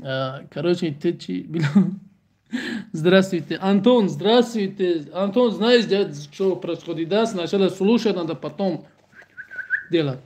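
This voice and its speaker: High-voiced Tajik man, joking livestream chat. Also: measured pace, darkish tone. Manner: joking, speaks broken Russian in short repetitive bursts. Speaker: livestream host. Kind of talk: casual livestream chat with viewers.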